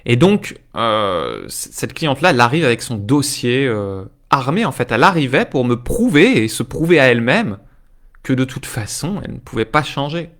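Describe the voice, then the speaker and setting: A man giving a live-streamed motivational talk as a life coach, talking spontaneously with frequent hesitations and asides to viewers, slowing down to stress key phrases. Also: mid-range voice, big pitch swings, fairly bright tone.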